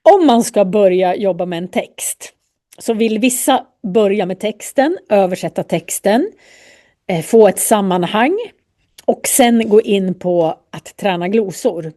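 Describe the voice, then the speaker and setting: A woman teaching a language lesson, calmly explaining ways to study and repeating sounds to demonstrate them. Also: medium pitch. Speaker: Swedish teacher.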